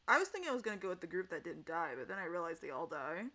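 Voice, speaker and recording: A woman's voice: fairly low pitch, very animated, racing, a loud crowd. A woman hosting a casual online fan panel game, rambling and laughing as she talks. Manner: rambling, laughing, self-correcting. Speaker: game host. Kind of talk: casual chat on a livestream panel.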